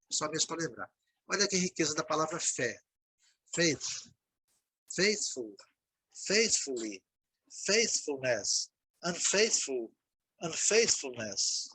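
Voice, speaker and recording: A fairly high, pushed, bright voice with a slight roughness comes through poor audio from a Brazilian man teaching English vocabulary on video. His Brazilian Portuguese accent is clear as he explains, patiently repeats words, and checks on his students with many a "né, gente?"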